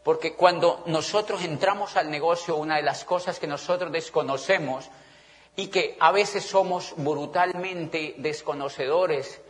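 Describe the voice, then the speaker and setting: A middle-aged man with a Colombian accent giving an animated motivational talk to a live audience, often checking that they follow him. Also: on the high side, measured pace. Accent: Colombian Spanish. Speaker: motivational business speaker. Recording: long reverb of a large hall.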